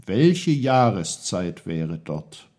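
Kindly teasing storybook mentor, slow and mellow, read by a man. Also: low-pitched, sing-song, full character voice. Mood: patient. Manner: patient, explaining, teasing. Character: kindly playful wise male guide.

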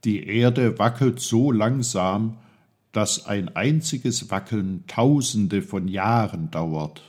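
Kindly teasing storybook mentor, slow and mellow, read by a man. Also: on the low side, animated, breathy edge, full character voice. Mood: patient. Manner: patient, explaining, teasing. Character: kindly playful wise male guide.

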